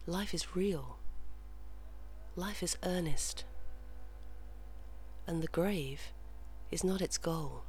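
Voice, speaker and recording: A person softly delivering guided relaxation and verse in a soothing, measured way, slipping in and out of a whisper. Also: mid-range voice. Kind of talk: slow guided relaxation and soft poetry reading, often whispered. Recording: clearly audible hum and background noise.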